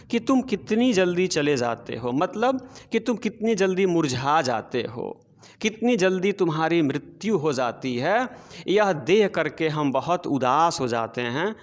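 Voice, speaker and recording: Slow, fairly high-voiced male teacher. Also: long reverb tail. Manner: reads verse lines slowly, then explains in quick Hindi; coaxing, repeats words for emphasis. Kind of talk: poetry lesson explained to students.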